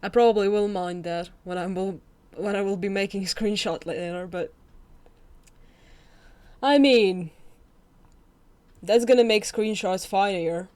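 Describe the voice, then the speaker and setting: A woman's voice: mid-range voice, measured pace, long pauses, darkish tone. A woman live-streaming a video game, chatting offhandedly and talking while chewing.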